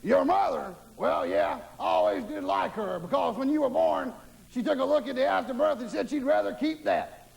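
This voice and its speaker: A man playing a campy, lewd, gleefully ghoulish TV horror host, with theatrical, teasing mock-spooky delivery and a gravelly creak. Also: very high-pitched, animated, moderate pace, a little mellow, exaggerated voice, rough recording.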